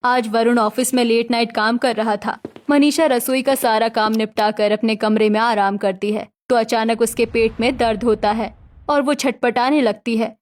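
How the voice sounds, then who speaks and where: A woman narrating a cartoon story in a steady, plain way. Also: on the high side, normal speed.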